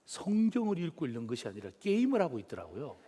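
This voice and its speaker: A man's voice: fairly high pitch, huge pitch swings, quick pace, mellow, husky. A male pastor giving a sermon, telling a story with animation and putting questions to the congregation.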